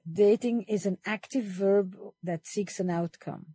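A woman's voice: mid-range voice, slow, warm tone, husky, no echo. A woman hosting a panel conversation, reflective and thinking aloud as she moderates. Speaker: host.

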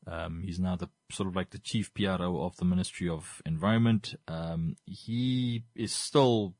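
Male commentator, Namibian accent, lowish voice, dry close sound. Informal but wordy explainer, halting, circles back on phrases. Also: no room sound. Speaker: current affairs commentator.

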